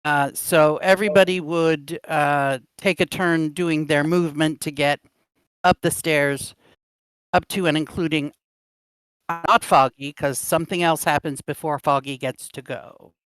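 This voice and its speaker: A man running a tabletop game over voice chat, with a fairly high, smooth and resonant voice. He talks hesitantly, apologizes often and fills pauses with ums. The sound is close and dry, with no room around it. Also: steady tone, fairly bright tone, dry recording. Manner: hesitant, apologetic, full of fillers. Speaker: dungeon master. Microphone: voice chat microphone.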